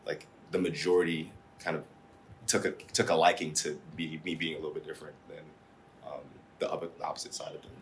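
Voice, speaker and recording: Deep-voiced young American man. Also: fast, slight background noise. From Singapore and the US. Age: young adult. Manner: relaxed storytelling, laughs often. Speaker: guest. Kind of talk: casual chat. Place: home dining room.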